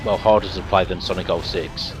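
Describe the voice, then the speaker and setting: A man playing through a game and chatting casually, lively and quick to chuckle, often repeating his words. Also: sits low, faint music behind. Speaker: player narrating a playthrough. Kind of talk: casual gaming chat.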